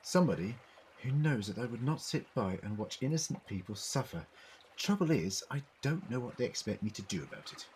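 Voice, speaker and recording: An actor in a fan audio drama playing an eccentric, brainy alien time traveller, explaining things theatrically in precise words. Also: male voice, medium pitch, big pitch swings, a little fast, a little mellow, a little hiss or hum, natural voice, low-quality recording. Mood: troubled.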